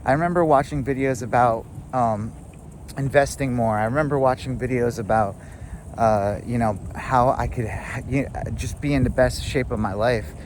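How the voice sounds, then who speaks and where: A man in his thirties vlogs casually to the camera about growing up, in a casual self-help monologue. His medium-pitched voice moves at a normal pace, rambling and reflective with plenty of fillers, over slight background noise.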